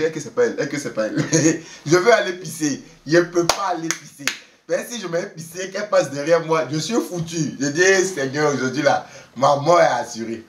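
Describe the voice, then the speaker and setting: A man telling a story in a lively, casual way, often laughing and acting out the people he quotes. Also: a little high, recorded from a distance. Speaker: vlogger telling a travel story. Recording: roomy echo, voice away from the mic.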